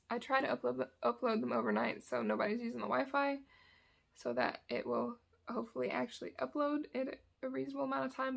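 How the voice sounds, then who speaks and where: A woman's voice: high-pitched, creaky. A woman with a dry throat, rambling casually as she shows off her cross-stitch projects. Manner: rambling, chatty, self-correcting. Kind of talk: casual chat. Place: indoors at home, sunny spot.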